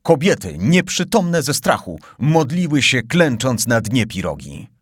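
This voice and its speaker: A male narrator reads an adventure novel aloud with dramatic, suspenseful expression, and his pitch moves freely up and down. His voice sits at an everyday middle height. The recording is close and completely dry. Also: sing-song, unhurried, slightly rough, no echo. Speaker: audiobook narrator.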